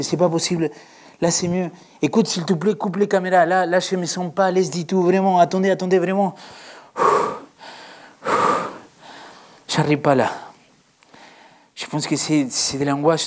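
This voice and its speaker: A woman's voice: low-pitched, steady tone, moderate pace, darkish tone, voice pushed down. A woman acting out an anxious woman preacher who is afraid to speak, stammering and repeating herself.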